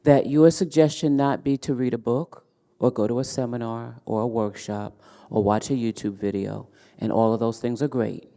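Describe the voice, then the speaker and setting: A man leads a conference session as moderator. His voice sits at an ordinary middle pitch. He speaks in an encouraging way, pressing the audience to take part. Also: fairly even intonation, normal speed, gravelly, mellow, in a large hall. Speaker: event moderator. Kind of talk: addressing a conference room.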